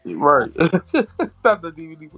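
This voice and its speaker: A man's voice: a little high, huge pitch swings, slow, bright, forceful tone, breathy edge, no echo, faint music behind. A man being interviewed about his writing, earnest and often searching for words. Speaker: guest, author and poet. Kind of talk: casual interview chat.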